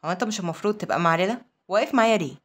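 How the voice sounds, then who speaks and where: A woman voices a hot-tempered young orphan who answers every insult with a sharp, indignant retort in Egyptian Arabic. The lines rush out very fast at a middle pitch. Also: close to an everyday voice.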